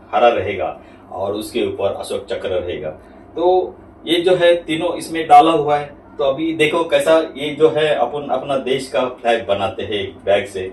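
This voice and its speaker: Guy w marathi accent doing kids party magician patter, simple step by step, echoey and far from mic, bit of noise. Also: medium pitch. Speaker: magician presenting tricks. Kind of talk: magic trick demonstration to camera. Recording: roomy echo, distant mic, faint noise.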